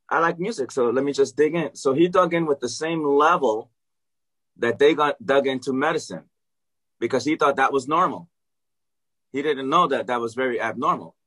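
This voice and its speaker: Male professor type, swearing, animated storyteller, husky forceful voice. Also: fairly low pitch, poor audio. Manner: animated, profane, emphatic. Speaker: professor who teaches music. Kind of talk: casual storytelling with quoted dialogue.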